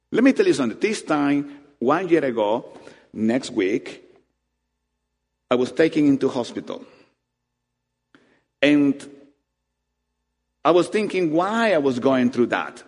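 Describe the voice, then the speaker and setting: A man with a medium-pitched voice delivers an animated sermon in a church hall, building to rising, emphatic peaks and then dropping into soft asides. The hall's long reverb hangs on every word.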